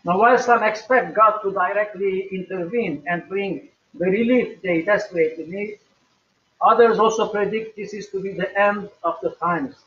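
An older man preaching a recorded sermon at home in a slow, measured way with emphatic rises. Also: high-pitched, fairly bright tone. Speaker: pastor. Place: small home room, indoors. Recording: echoey, distant, dull webcam audio.

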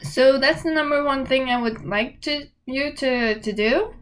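A woman's voice: high voice, a little slow. A young woman giving a candid, emphatic motivational talk to camera, often checking in with "okay?". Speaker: self-help vlogger.

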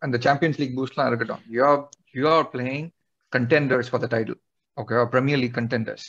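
A man's voice: mid-range voice, steady tone, rapid-fire, a bit bright. A man with a Tamil accent making blunt, short points in a casual football fan debate, switching between two languages. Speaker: panelist on a football fan show. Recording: dull muffled video-call audio.

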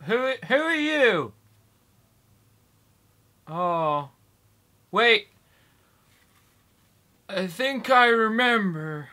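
A young man of twenty rambles through a comic vlog in a slow, halting, mock-doddering way, leaving long gaps between words. His voice sits high and sounds bright and forceful. He speaks into a desk microphone in a small indoor room. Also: big pitch swings. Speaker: YouTuber. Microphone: desk microphone in front.

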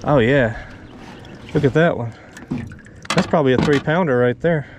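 A fishing vlogger at medium pitch and normal speed keeps up a relaxed running commentary from a small boat on a pond, talking to himself as he fights fish. It's recorded outdoors on a head-mounted action camera, with clear background noise and reel clicks.

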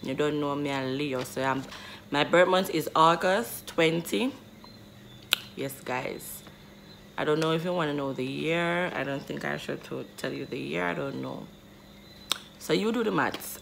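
Low-voiced, slow-talking woman in her twenties. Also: vocal fry, noisy background. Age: 20s. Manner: chatty, addresses viewers as guys, rambling restarts. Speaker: vlogger. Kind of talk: casual vlog talking to camera. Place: small bedroom indoors. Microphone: phone camera close up.

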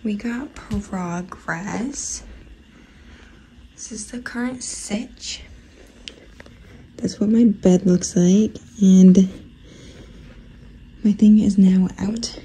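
A young woman vlogging from her dorm room in a casual, soft-spoken way, often half-whispering. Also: medium pitch, slight background noise, rough recording. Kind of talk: casual vlog chat.

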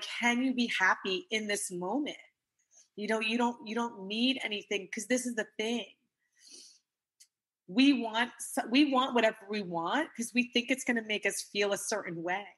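A woman's voice: medium pitch, fairly bright tone, husky. A woman coach in an interview, talking in an earnest, emotional way with lots of filler words, tearful. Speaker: guest coach. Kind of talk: casual interview chat.

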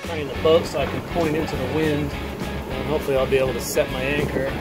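A man's voice: medium pitch, little pitch movement, fast talker, loud music behind the voice. A man casually narrating his solo sail, chatty and thinking aloud, recorded outdoors on a sailboat deck on a camera mic. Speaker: sailing vlogger.

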